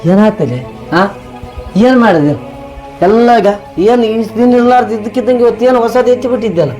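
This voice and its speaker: A man's voice: very high-pitched, brisk, darkish tone, soft background music. A man acting an elder brother defending himself in an argument. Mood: defensive. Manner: argumentative, explaining.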